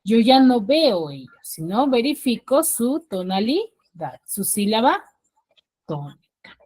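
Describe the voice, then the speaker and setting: A woman's voice: a little high, sing-song, slow pace, a little mellow. A woman teaching a class over a video call, explaining step by step and often checking that her students follow. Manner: patient, keeps checking understanding with "¿ya?". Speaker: schoolteacher.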